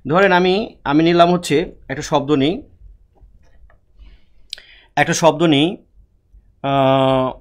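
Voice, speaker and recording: A man teaches an online class, and his voice sits fairly high for a man. He walks through words syllable by syllable, repeating his own questions and then answering them. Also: slow pace, long pauses. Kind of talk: online lecture on Bengali prosody.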